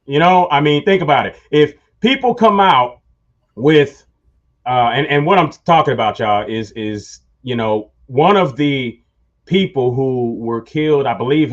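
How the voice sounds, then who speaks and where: Rambling male talk-show host, lo-fi sound. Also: mid-range voice. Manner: rambling storyteller, addresses listeners as y'all. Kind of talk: casual chat. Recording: dull lo-fi sound.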